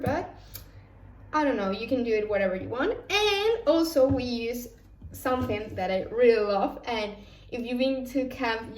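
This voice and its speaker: A woman's voice: fairly high pitch, darkish tone. A young woman from Spain with a Spanish accent, chatting casually in a cooking vlog and repeating herself for emphasis. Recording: echoey room, a bit far from the mic.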